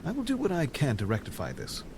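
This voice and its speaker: A man's voice: a little high, huge pitch swings, quick pace, noisy background. An actor playing a noble, fatherly king in an audio drama, speaking formally and kindly. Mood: gentle, regretful.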